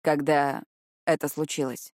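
Woman playing wary male detective, lowered quiet voice, slow and guarded, dry audiobook recording. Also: steady tone, dry recording.

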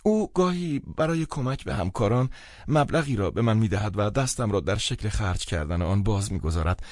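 A man voicing a sentimental, tearful woman who speaks softly and pleadingly, in an audiobook. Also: on the low side, animated, dry recording, studio quality, pitched above the performer's own voice, natural voice. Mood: hesitant. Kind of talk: audiobook character reading.

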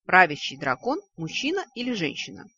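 A woman's voice: lowish voice, wildly swooping pitch, a little fast, pushed and bright, breathy edge, no room sound, lo-fi sound, full character voice. A woman reading a story, voicing a sly, big-nosed male creature who pries like a gossip reporter. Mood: prying. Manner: sly, insinuating.

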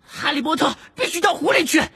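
A man voicing an excitable male house-elf servant in a shrill, squeaky, pleading voice. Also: fast talker, creaky, exaggerated voice. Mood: urgent squeaky.

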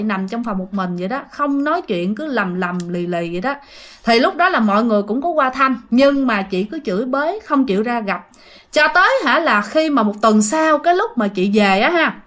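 A woman's voice: a little high, fairly bright tone. A woman telling a ghost story in a chatty way, speaking directly to her listeners. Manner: chatty, addresses listeners directly, many fillers. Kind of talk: casual ghost story narration.

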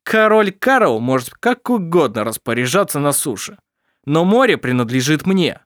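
A domineering pirate captain speaks loud and threatening, pitched above the reader's usual voice, as a man reads him out. The dry, close recording keeps every threat right up front. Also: sing-song, normal speed, no room sound. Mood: menacing. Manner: loud and menacing.

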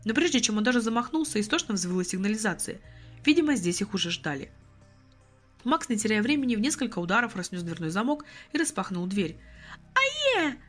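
A woman narrating a story as an audiobook, with expressive storytelling. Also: medium pitch, fast, soft background music.

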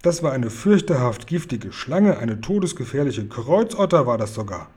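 A man's voice: medium pitch, sing-song, normal speed, a little mellow, breathy edge. A man voicing a kind, clever big friendly giant who eagerly gives orders and twists words playfully, read from a storybook. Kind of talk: storybook reading aloud.

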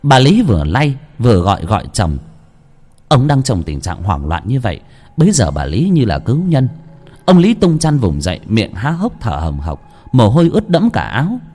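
A man's voice: mid-range voice, huge pitch swings, normal speed, darkish tone, slightly rough. A man narrating a horror story with dramatic delivery.

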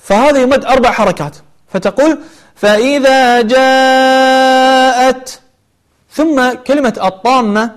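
A man teaching a tajweed lesson, explaining recitation rules and then chanting verses slowly with long drawn-out vowels. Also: extremely high pitch.

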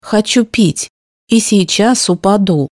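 A woman reading a first-person story aloud in a steady, even narration style. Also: medium pitch, slow, no room sound, clean studio sound. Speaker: audiobook narrator.

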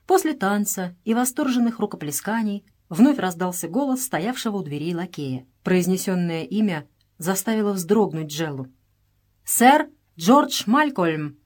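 A woman narrating a novel in a measured, expressive reading voice. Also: lowish voice.

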